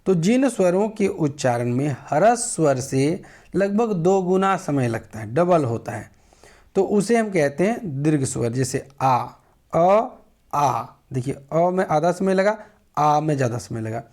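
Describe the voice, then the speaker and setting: Male teacher, higher voice, unhurried delivery, patient explaining tone, quizzing his students. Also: lively intonation, a little mellow. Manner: slow, explanatory, asks the class questions. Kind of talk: Hindi grammar lesson.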